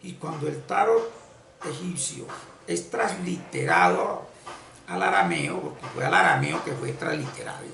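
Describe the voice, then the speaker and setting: A man giving an unscripted esoteric religious lecture, halting and repeating phrases as he searches for words. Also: on the high side, sing-song, vocal fry, bright, forceful tone, far from the mic, slight background noise. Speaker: esoteric spiritual teacher. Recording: echoey room, voice off-mic, faint ambience.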